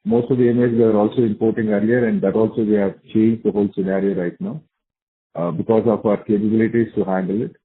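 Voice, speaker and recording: Over a narrow, tinny phone conference line, a company executive with an Indian accent fields earnings-call questions, sounding assured and repeating his key points. His voice is on the low side, with a steady tone and fast delivery.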